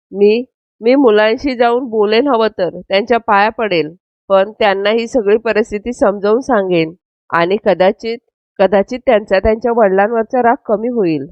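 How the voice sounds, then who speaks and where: A woman's voice: mid-range voice, no echo, lightly acted. A woman voicing an earnest, stubborn young woman who keeps pleading, in a dull, dry, lo-fi recording. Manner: pleading, insistent.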